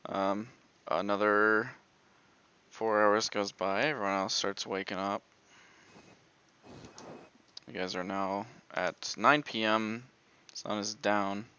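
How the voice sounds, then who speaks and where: Bright-voiced game master, rambling. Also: male voice, on the low side, fairly even intonation, slow, long pauses, clean tone. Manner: rambling, lots of "like". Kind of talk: narrating a tabletop game. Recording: dull lo-fi sound.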